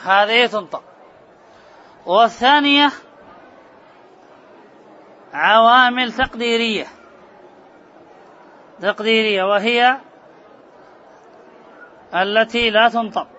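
A man's voice: very high-pitched, takes it slowly, pauses often, sharp tone, a faint crowd, a little hiss or hum. A man teaching a grammar class, repeating key terms and quizzing his students. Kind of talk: classroom lecture. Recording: muffled classroom recording with murmur.

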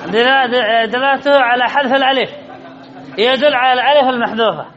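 A man's voice: very high-pitched, fast, fairly bright tone, some chatter behind. A man teaching a grammar lesson to a class, asking questions and repeating the answers over and over. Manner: drills points by asking students questions, then repeats the answers. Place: classroom with students. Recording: dull lo-fi recording with faint background noise.

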